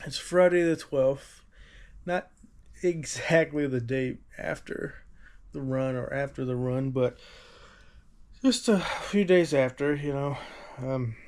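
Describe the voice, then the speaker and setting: A man in his thirties talking casually to his vlog audience, rambling and thinking aloud in a halting way. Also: medium pitch, darkish tone. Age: 30s. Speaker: running vlogger.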